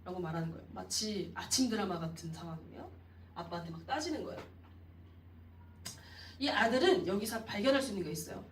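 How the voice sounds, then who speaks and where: A woman evangelist preaching a youth sermon in an expressive storytelling manner, acting out the people in the story. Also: mid-range voice, brisk, long pauses, a little hiss or hum. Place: church sanctuary. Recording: roomy echo, distant mic.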